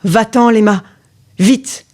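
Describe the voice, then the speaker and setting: A woman's voice: on the high side, slow, a little mellow. A woman voicing a talking seagull in a children's story, calling out urgently.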